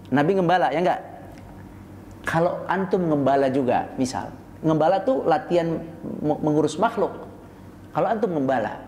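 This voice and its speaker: Animated man preaching in an echoey prayer room. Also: slight background noise. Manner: animated, acts out scenes with sudden high-pitched shouts; uses frequent rhetorical tag questions. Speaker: Islamic preacher. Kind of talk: casual religious lecture. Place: prayer room in an office tower.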